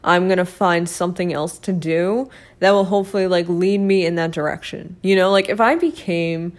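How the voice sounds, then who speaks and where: A young woman talks alone on her podcast in a loose, rambling way, full of fillers and small laughs at herself. Her voice is hoarse and frayed from losing it, and it sits slightly low for a woman. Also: flat delivery, brisk. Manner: rambling, many fillers, self-mocking laughs. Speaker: podcast host. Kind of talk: casual solo podcast chat.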